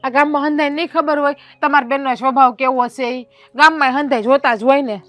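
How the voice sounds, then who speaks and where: Actress as a high-voiced, fast-talking village wife, argumentative and complaining. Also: female voice, steady tone, a bit bright, no room sound, faint music behind. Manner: complaining, argumentative, quick retorts. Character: young village wife, quarrelsome and stubborn. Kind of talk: village family drama acting.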